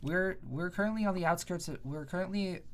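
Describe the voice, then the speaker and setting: A man voicing a military commander who briefs the party in a steady, halting way. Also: sits high, clear, resonant tone, natural voice. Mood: instructive. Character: adult military commander giving orders by message.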